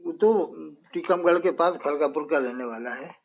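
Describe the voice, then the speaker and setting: Assertive high-voiced man on a phone line. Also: normal speed, husky. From Madhya Pradesh, India. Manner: assertive, advising and reassuring. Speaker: caller. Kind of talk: phone conversation.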